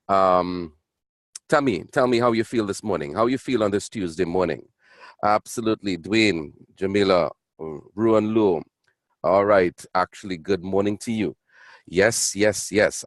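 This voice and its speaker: Upbeat, chatty male presenter on an online call; deep voice, dry close sound. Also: no echo. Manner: chatty, upbeat, engaging the audience.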